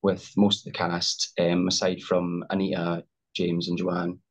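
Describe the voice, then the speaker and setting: This young Scottish man, an actor appearing as a guest over video call, has a voice that sits low and stays monotone at an unhurried pace. Hesitant in the casual interview, he leans on fillers and keeps restarting, and the call audio sounds dull and lo-fi.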